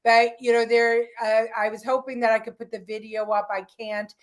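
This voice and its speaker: A woman's voice: on the high side, little pitch movement, moderate pace. A woman co-hosting a political talk show, talking in an emphatic, opinionated way with frequent restarts. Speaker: podcast host.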